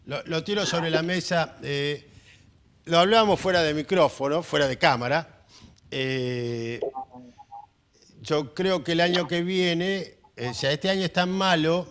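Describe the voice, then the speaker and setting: Host, slightly high voice. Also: male voice, unhurried, fairly bright tone. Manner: hesitant, thinking aloud as he frames a question. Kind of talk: broadcast panel discussion.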